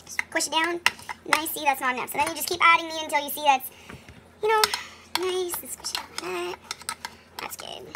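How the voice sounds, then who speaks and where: A woman in her thirties with a very high voice speaks a little fast and pauses often while rambling through a casual kitchen cooking demo, correcting herself. The phone camera recording is very noisy, with dishes and pans clattering clearly.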